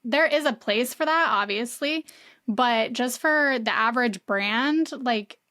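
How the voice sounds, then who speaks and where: Woman guest on a podcast, kinda high voice, says like a lot, dry recording. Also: unhurried, sharp tone, no echo. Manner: casual, frequent "like" fillers. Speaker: marketing consultant guest. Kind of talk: conversational interview.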